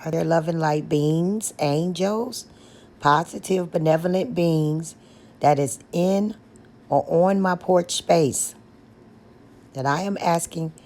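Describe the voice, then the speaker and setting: A deep, coarse-voiced woman vlogging about the paranormal calls softly to spirits outdoors on a front porch. Her slow, hushed invocations are gentle, pleading and repetitive, interspersed with casual chat to viewers, and she uses an external microphone.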